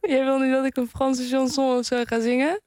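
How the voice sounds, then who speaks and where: A woman hosting a podcast on the radio, chatting in a relaxed, unhurried way. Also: high-pitched, no echo, studio quality. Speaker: podcast host. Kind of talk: casual radio chat. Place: radio studio.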